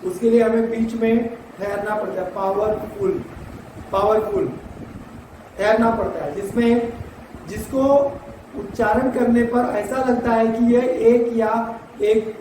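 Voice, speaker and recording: Slow, high-pitched teacher in an echoey room. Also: male voice, steady tone, distant mic. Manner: slow, spells words letter by letter. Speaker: English teacher. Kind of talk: classroom grammar lesson. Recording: echoey room, faint traffic noise.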